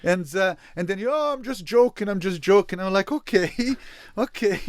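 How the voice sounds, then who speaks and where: Telling an animated story as an interview guest, this photographer from Brazil keeps repeating words and starting his sentences over. He has a high voice, speaks at a moderate pace, and there's no echo.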